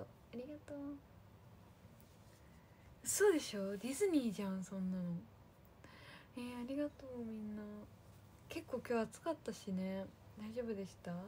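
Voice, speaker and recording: A woman chatting on a livestream to her fans, casually thanking viewers one by one in a soft, friendly way. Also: fairly high pitch, slight background noise. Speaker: idol livestream host.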